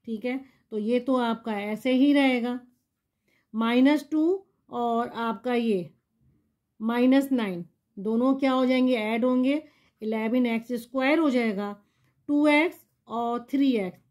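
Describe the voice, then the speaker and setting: A woman's voice: fairly high pitch, slow pace, a little mellow. A woman maths teacher explaining polynomial division step by step, patiently asking the class questions and answering them herself.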